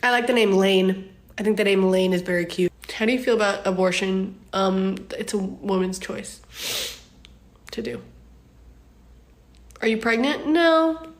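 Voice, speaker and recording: A woman's voice: medium pitch, a little slow, pauses often. A woman in her twenties casually answering viewer questions to her phone, chatty and candid, with frequent ums and laughs. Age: 20s. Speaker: social media creator answering fan questions. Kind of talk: casual Q&A chat.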